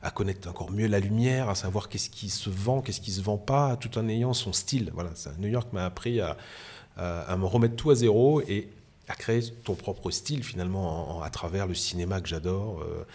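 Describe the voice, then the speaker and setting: Male guest from France, low voice, rambling animated anecdotes with restarts. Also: moderate pace. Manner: animated, many repeats and restarts. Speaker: photographer guest. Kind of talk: casual storytelling interview.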